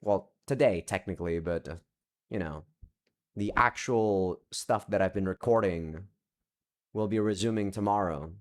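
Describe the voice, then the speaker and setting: A young man whose first language isn't Japanese creates visual novel let's plays and talks casually to viewers from his home room with several monitors. His voice sits low and unhurried as he rambles, cuts himself off and swears lightly while searching his game library.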